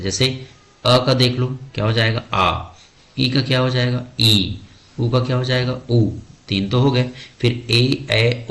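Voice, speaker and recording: A man's voice: lowish voice, creaky, a bit bright. A man teaching an exam-prep grammar lesson, asking the class questions and answering them himself, often calling the listener "bhai". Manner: addresses students as "bhai".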